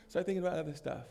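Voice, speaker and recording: A man preaching a sermon to his congregation as pastor while he has a cold. He swings between loud emphasis and quiet asides and laughs easily. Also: a little high, gravelly. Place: church in front of a congregation.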